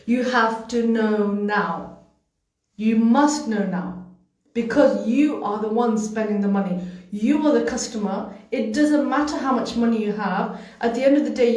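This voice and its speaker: British-born woman, study agent, earnest livestream talk, slightly high voice, very echoey room, mic well away. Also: darkish tone, distant mic. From United Kingdom. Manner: earnest, emotional, repeats phrases for emphasis. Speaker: study-abroad education agent. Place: home room.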